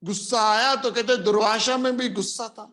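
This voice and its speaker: A man giving a spiritual discourse as a teacher, telling a folk tale and repeating phrases deliberately for emphasis, slipping English phrases into his talk. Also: very high-pitched, steady tone, fairly bright tone. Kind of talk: spiritual discourse with a storytelling aside.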